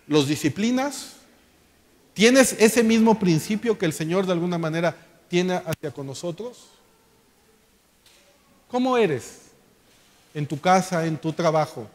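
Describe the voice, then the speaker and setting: A man preaching a sermon, slow and emphatic, asking the congregation rhetorical questions. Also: sits high. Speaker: pastor. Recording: long church hall reverb.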